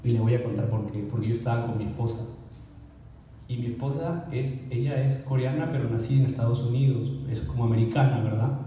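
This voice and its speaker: A man gives a sermon in an easy, conversational way, often turning questions to his listeners. His voice is deep and mellow, and it comes from some distance away in a hall with a long, booming echo. There is a faint murmur of room noise behind him. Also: steady tone, brisk, lo-fi sound. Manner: conversational preaching with rhetorical questions to the congregation. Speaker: pastor. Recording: echoey hall, voice from afar.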